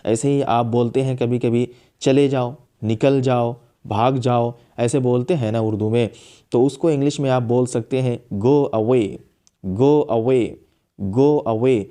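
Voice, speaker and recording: Man, English teacher, mellow voice, repeats each phrase slowly, patient lesson. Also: medium pitch, steady tone.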